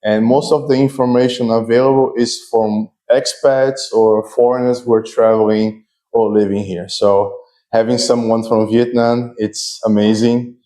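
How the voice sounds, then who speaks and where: Guy hosting a casual interview, warm mellow voice, chatty friendly questions. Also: mid-range voice, little pitch movement, measured pace. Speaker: host.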